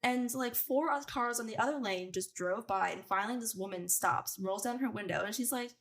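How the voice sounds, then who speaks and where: A young woman from the northern United States, co-hosting a podcast and telling stories in a casual, animated way with frequent laughter. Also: fairly high pitch, a little fast. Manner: animated storyteller, laughs often. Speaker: podcast co-host. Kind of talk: casual chat. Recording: loud background noise.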